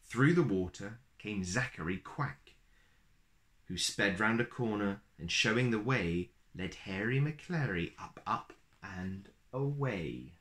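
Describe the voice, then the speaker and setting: A man in his thirties with a voice on the low side reads aloud from a picture book for young children. His delivery is expressive and deliberate, and he's in a small, plain room indoors.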